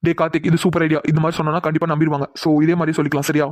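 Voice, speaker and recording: Fast-talking man voicing cartoon friends. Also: fairly high pitch, little pitch movement, dry recording, studio quality. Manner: quick, scolding banter. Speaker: voice artist for several young men. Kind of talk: cartoon dialogue.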